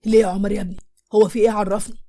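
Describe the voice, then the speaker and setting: A woman's voice: mid-range voice, flat delivery, rapid-fire, mellow, close to an everyday voice. A woman with an Egyptian accent voicing a kindly older male doctor, fatherly and reassuring. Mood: concerned. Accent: Egyptian Arabic. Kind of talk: storybook voice acting.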